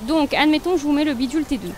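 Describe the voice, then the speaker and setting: A woman's voice: sits high, fast talker, a little mellow, slight background noise. A woman casually commenting on her gameplay, thinking aloud and chatting to viewers and the game. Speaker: let's play streamer.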